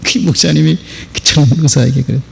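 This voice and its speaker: A man's voice: on the high side, quick pace, creaky, husky, low-quality recording. A male pastor giving a Sunday sermon in a church, telling stories and speaking straight to the congregation. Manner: storytelling with acted dialogue, addressing the congregation. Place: church sanctuary.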